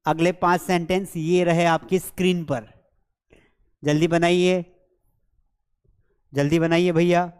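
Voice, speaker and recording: Slow-drilling Hindi-speaking English teacher, man. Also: a little high, flat delivery, a little mellow, smooth, long reverb tail. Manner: slow, drilled repetition of example sentences; coaxing, checks understanding with repeated questions. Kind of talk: live online class, teaching passive voice. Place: studio with a board and screens.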